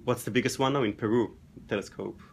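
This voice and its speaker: A man interviewing a scientist, informal, tossing in quick interjections and offbeat questions. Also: medium pitch, fairly even intonation, vocal fry, slight background noise. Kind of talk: casual interview chat.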